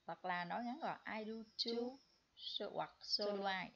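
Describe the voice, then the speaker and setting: A woman English teacher giving a bilingual vocabulary lesson, repeating each word slowly for students to copy. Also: medium pitch, a bit bright. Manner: slow drilled repetition of words. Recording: dull lo-fi recording.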